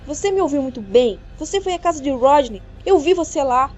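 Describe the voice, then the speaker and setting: A woman's voice: a little high, fairly quick, mellow, a little hiss or hum, lightly acted. A woman voicing a jealous young man who accuses his fiancée in an audiobook reading. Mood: angry. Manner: accusing, insistent. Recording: dull lo-fi with faint music.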